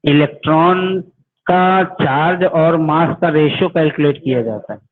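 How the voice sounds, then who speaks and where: A man teaches physics in a fairly high voice, quizzing his students and answering for them. The sound is thin and phone-like. He talks to the class as "beta". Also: measured pace. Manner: addresses students as "beta", asks questions and answers them himself. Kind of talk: online class lecture. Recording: tinny phone-like audio.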